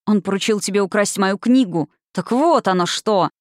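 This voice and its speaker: A woman's voice: medium pitch, normal speed, dry recording, studio quality, lightly acted. A woman reading an audiobook, voicing an accusing, menacing witch who snarls and hisses. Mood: demanding, furious. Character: bitter, menacing witch, woman, middle-aged.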